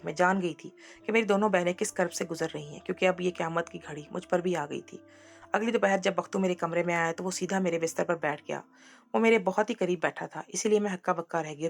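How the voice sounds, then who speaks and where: A woman's voice: on the low side, vocal fry. A woman narrating a dramatic first-person story in an earnest manner. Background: faint background music.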